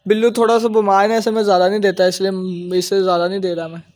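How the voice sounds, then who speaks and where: A man's voice: sits high, level tone, fast talker, darkish tone. A man chatting casually in a vlog outdoors by his pet cages, fondly scolding his birds as they eat. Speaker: pet-keeping vlogger. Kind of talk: casual vlog narration while feeding pets.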